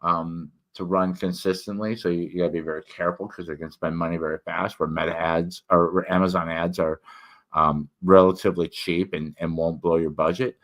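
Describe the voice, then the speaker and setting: A man with speech slightly thickened by a swollen mouth, giving a casual, rambling review and personal update in a halting way, often repeating and correcting himself. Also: sits low, flat delivery. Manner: halting, with repeated words and many self-corrections. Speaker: host, reviewer and writer.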